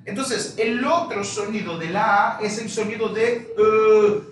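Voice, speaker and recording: A male teacher speaks very slowly and patiently, repeating each example word carefully. He is recorded from a distance on a phone. The room is bare and echoes strongly, with faint room noise behind him. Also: sits high. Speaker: Portuguese teacher. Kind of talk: live online language lesson.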